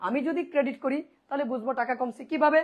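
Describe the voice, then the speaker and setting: Racing along in a high voice, a woman runs an online accounting class, posing questions only to answer them herself, restating key points, and regularly checking students keep up. The audio sounds dull.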